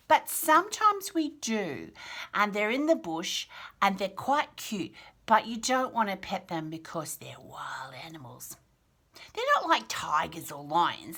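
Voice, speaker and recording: A woman with an Australian accent and a mid-range voice hosts picture-book read-alouds for toddlers. She reads in an animated, sing-song style, adding chatty asides and asking the child questions.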